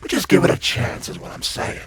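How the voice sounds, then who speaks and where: Over loud, prominent music, a man voices a glib, sleazy demon who guides visitors through hell in a comic-book dub. His natural-sounding delivery is brisk, gleeful and mocking, packed with slangy, theatrical sales patter.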